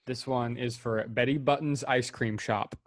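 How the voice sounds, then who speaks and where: A man's voice: mid-range voice, steady tone, measured pace, no echo. Joking male podcast co-host. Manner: playful, rambling. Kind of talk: casual comedy chat.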